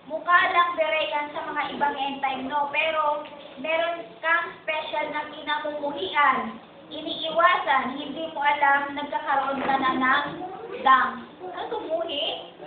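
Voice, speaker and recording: A woman's voice: high voice, fairly even intonation, a little slow, noisy background. A woman teaching a Bible study, retelling a preacher's points and repeating "he said" again and again. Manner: keeps repeating "sabi niya" while retelling a preacher's points. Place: chapel hall. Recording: tinny, echoey, distant lo-fi hall recording.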